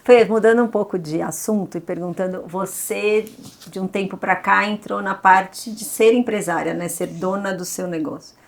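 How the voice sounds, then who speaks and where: A woman's voice: mid-range voice, moderate pace, creaky. A Brazilian woman co-hosting a podcast, chiming in with short supportive comments and asking questions. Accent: Brazilian Portuguese. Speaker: podcast co-host. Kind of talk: casual podcast conversation.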